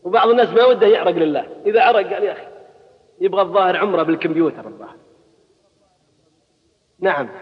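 High fast-talking preacher. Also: male voice, big-room sound, lo-fi sound. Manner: colloquial, rises to loud exhortation. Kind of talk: sermon.

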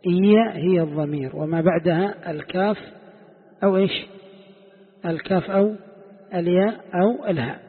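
A sheikh teaching a classroom lesson, quizzing his students and slowly repeating the key points. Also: sits high, husky. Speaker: sheikh teaching Quran commentary. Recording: echoey hall, tinny phone-like sound.

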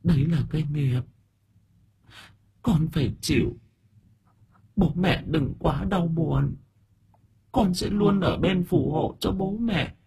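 Male narrator voicing a sorrowful young ghost daughter, hushed and high, slow. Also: creaky, slightly rough, heavily acted. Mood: mournful. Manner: soft, mournful, slow.

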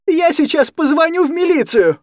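A man's voice: very animated, a little fast, no echo, clean studio sound. A man voicing a sixteen-year-old girl who screams in fury and loses all control, in a storybook reading. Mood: screaming, furious. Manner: screaming, shrill, losing control. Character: furious teenage girl, sixteen, shouting.

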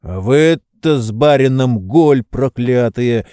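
A man reading an audiobook voices a hoarse, touchy old servant who heatedly defends his master. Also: medium pitch, lively intonation, slow, mellow, no echo, clean studio sound. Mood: boastful. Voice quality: hoarse, wheezing. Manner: heated, indignant, boastful.

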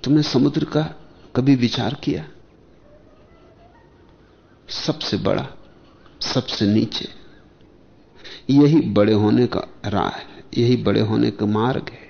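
A male spiritual teacher gives a discourse in slow, measured phrases, pausing often and asking rhetorical questions. His mid-pitched voice has a gravelly edge, and the muffled, lo-fi sound resembles an old archival lecture tape.

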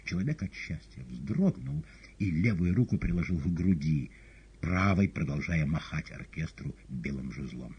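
A man narrating a novel as an audiobook in an expressive, dramatic reading. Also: rumbling low, normal speed, breathy edge, highs cut off. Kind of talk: scripted literary narration.

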